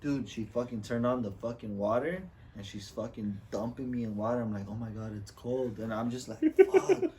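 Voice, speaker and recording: A young man co-hosting a podcast, telling a profane, animated party story full of quoted voices. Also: medium pitch, brisk, hardly any pauses, recorded from a distance, a little hiss or hum. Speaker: podcast co-host. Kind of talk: casual storytelling among friends.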